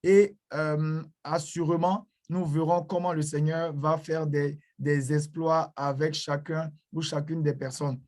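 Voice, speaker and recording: A man's voice: fairly high pitch, flat delivery, a little slow, hardly any pauses, darkish tone. A man speaking at an online church conference, greeting and blessing people with frequent hesitations.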